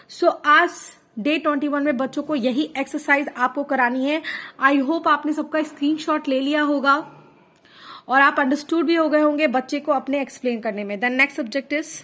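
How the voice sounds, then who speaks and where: Slow, high-voiced woman teacher. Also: fairly bright tone. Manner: slow, patient, spelling words out letter by letter. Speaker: teacher guiding parents through kindergarten homework. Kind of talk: Hindi-English homework walkthrough.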